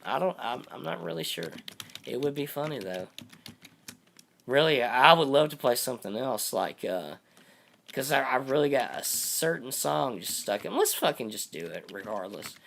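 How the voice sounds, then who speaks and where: A hoarse man rambling and cursing his way through casual live-stream chat as host, saying his voice is going out. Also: medium pitch, lively intonation, moderate pace, a bit bright. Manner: profane, rambling storytelling.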